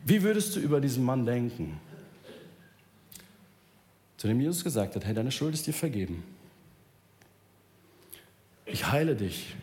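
Animated preacher man, lively storytelling. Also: medium pitch. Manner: animated storytelling, acting out quoted voices. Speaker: pastor. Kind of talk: sermon.

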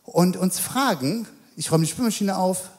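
Chatty higher-voiced German preacher. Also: male voice, expressive, normal speed. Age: adult with children. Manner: chatty, frequent tag questions and fillers. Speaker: lay preacher. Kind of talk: casual anecdotal sermon.

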